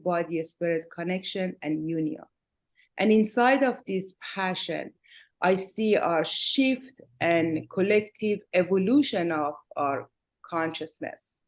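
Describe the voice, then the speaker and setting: This is a woman with a Persian accent hosting a conversation. Her voice sits a touch low, and she speaks warmly. She often pauses on fillers and restarts her sentences. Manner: warm, hesitant with many fillers and restarts. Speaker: host. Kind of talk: interview conversation.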